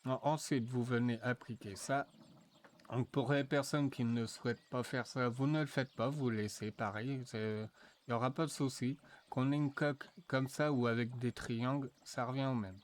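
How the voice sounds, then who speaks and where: A man walking viewers through a software tutorial, thinking aloud with frequent fillers and restarts. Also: medium pitch, fairly even intonation, slight background noise. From France. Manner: slow, hesitant, thinking aloud with many fillers. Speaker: tutorial presenter. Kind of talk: screen-recorded software tutorial.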